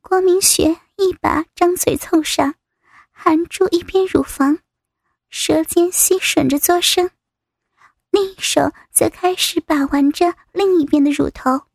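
High, slow-reading woman narrator. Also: steady tone, vocal fry, dry recording. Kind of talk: scripted erotic story narration. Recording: dry close recording.

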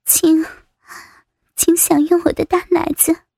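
A meek young secretary with a very high, gravelly voice who speaks softly and hesitantly, as a woman puts her on. The sound is dry and close, as in an audio story. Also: flat delivery, takes it slowly, no room sound, full character voice. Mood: timid. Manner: soft, hesitant, submissive.

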